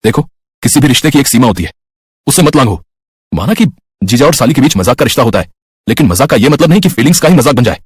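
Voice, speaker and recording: A woman voicing a shy, uneasy young husband in a storybook tale, speaking in a lowered, husky voice. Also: sing-song, brisk, dry recording, clean studio sound, heavily acted. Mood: stern. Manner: hesitant, then stern. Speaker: narrator voicing a character. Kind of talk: storybook narration.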